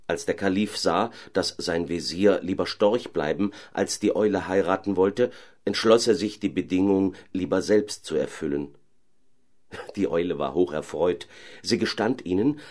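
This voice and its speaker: A man calmly narrating a fairy tale audiobook. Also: low-pitched.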